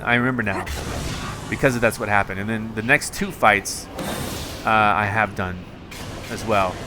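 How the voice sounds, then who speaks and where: A man's voice: on the low side, moderate pace, background noise. Rambling self-mocking young male gamer. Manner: self-mocking, rambling, bursts of excited yelling. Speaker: gaming commentator. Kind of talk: casual gameplay commentary.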